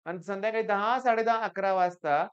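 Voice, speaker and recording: A man's voice: sits high, brisk, fairly bright tone, smooth, muffled recording. Emphatic middle-aged man tutoring students. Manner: emphatic and urging, tells anecdotes to students. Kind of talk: exam-prep teaching talk.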